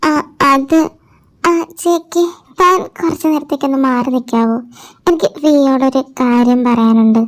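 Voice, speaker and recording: A woman's voice: sits high, a little slow, voice pushed up. A woman putting on a cooing, clingy young girl. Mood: hesitant. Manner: sweet, cooing. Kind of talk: fan audio drama.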